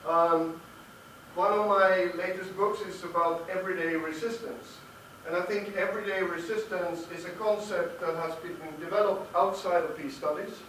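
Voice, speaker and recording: A man's voice: sits high, steady tone, normal speed, fairly bright tone. Man speaking in an echoey hall. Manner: hesitant, many fillers. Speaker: academic panelist. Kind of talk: conference roundtable talk. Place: conference room. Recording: echoey room, distant mic, faint noise.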